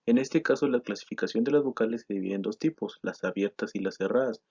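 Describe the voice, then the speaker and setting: A man's voice: on the low side, fast, husky. Man explaining grammar. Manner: steady explanatory delivery with frequent "eh" and self-corrections. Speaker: teacher presenting a grammar lesson. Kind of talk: explanatory lesson reading from slides. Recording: slightly dull lo-fi sound.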